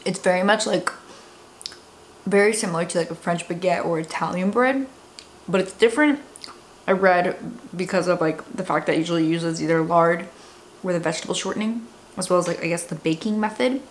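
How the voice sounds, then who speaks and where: A woman's voice: lowish voice, fairly quick, slight background noise. A young woman chatting casually in a home vlog, leaning on fillers like "like" as she talks. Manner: chatty, filler-heavy with many "like"s. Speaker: fitness vlogger. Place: home kitchen, indoors.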